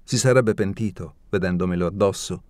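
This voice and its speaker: A man narrating an audiobook in a steady, measured reading voice, close to the mic. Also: low-pitched, no room sound.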